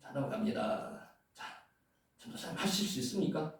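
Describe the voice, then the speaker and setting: High-voiced male lecturer, lively pitch, booming echo, mic distant, playful and repetitive teaching. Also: normal speed. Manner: playful, repeats words, sometimes chants. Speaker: Bible Hebrew lecturer. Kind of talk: classroom lecture. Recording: echoey room, mic far off.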